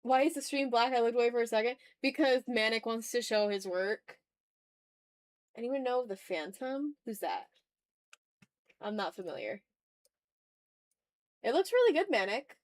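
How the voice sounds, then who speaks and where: While sketching on a livestream, a woman with a highish, expressive voice speaks at a moderate pace and pauses often, casually rambling, swearing a little, mocking herself, and reading viewer comments. The recording is dry.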